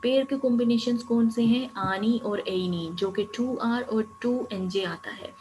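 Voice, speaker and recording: A woman with a Pakistani accent teaching grammar in a recorded online lecture. She explains step by step and repeats word endings slowly. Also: fairly high pitch, a little mellow, rough recording. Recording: faint noise and hum.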